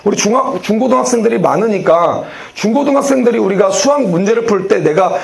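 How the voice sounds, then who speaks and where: Pastor guy preaching, high lively voice with lots of gravel, keeps asking the church questions. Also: fast talker. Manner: animated, addresses the congregation directly with questions. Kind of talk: sermon.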